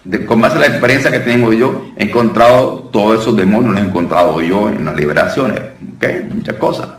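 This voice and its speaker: A man with a lowish, brisk voice gives an informal teaching on deliverance as a minister. He talks conversationally, often calls listeners "brother," and restarts phrases, captured by a distant mic with roomy sound and faint noise.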